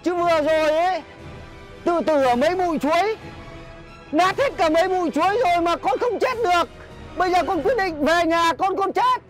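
A despairing husband pleads and wails in high, theatrical tones, full of self-pity. Music plays clearly behind him in this TV comedy sketch. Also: male voice, normal speed. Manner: melodramatic pleading and sobbing. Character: despairing middle-aged husband, gloomy and self-pitying.

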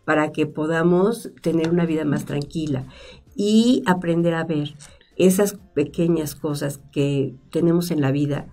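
A middle-aged woman, a psychologist guest, explaining calmly in a studio conversation and asking herself rhetorical questions. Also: low voice. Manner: reflective, lists rhetorical questions. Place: studio with stone wall, seated at table. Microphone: desk microphone.

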